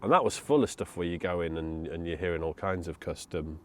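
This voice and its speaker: A man in casual podcast chat about games who laughs often and gets excitable. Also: low-pitched, fairly quick.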